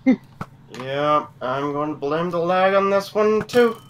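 A man's voice: on the high side, expressive, slow pace. A man chatting casually and teasing the other players while they play a video game together. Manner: joking, teasing. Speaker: gamer. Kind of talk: casual gaming chat.

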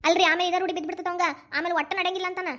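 A strict young cartoon mother, played by a woman with a North Karnataka Kannada accent. She scolds briskly in a very high voice, words tumbling out fast. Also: flat delivery, a bit bright. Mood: scolding. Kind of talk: cartoon voice acting.

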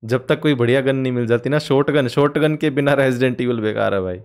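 A man giving live gameplay commentary, swinging from casual chat to panicked yelling during fights. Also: medium pitch, brisk. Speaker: gaming streamer.

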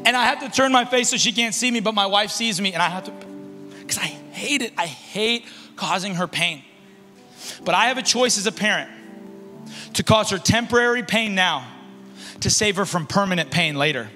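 Speaking into a handheld mic on a big concert-hall stage, this young man preaches an energetic sermon as a youth pastor at a youth conference, moving and gesturing across the stage. His delivery is animated and at normal speed, swinging from shouted emphasis to quiet, soft asides. Faint music plays in the reverberant hall.

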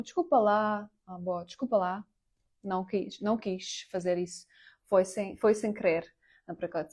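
A chatty woman in her thirties gives a relaxed video lesson. She laughs often and jumps her voice up when she says example words. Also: medium pitch. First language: Ukrainian. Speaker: Portuguese language teacher.

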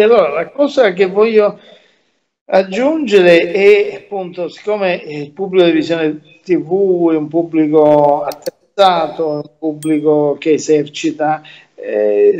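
A man giving his views as a guest in a remote interview, speaking haltingly with many fillers and repeated words. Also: on the high side, darkish tone, highs cut off.

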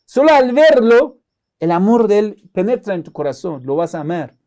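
Man, religious lecture, high voice, emphatic preaching, rises on key words. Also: lively intonation, brisk, dark tone. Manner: recites Arabic verses in a chanting tone.

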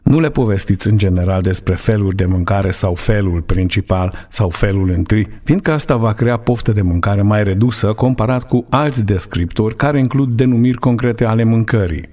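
Man, 30s, lecturer, low-pitched voice, measured studio course narration. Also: a little mellow. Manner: measured, explanatory delivery. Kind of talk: scripted online lecture.

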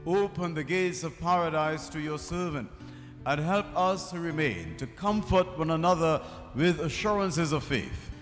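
A man leading funeral committal prayers as a priest, in slow, measured liturgical recitation. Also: on the high side, lively intonation, a bit bright. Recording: reverberant space with faint music.

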